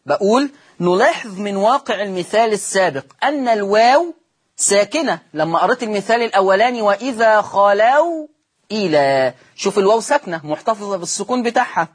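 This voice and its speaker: A man with an Egyptian accent teaching Quran recitation rules on television. He explains step by step, asks questions and answers them himself, and slows into chanting for the examples. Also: high voice, animated, slightly rough. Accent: Egyptian Arabic.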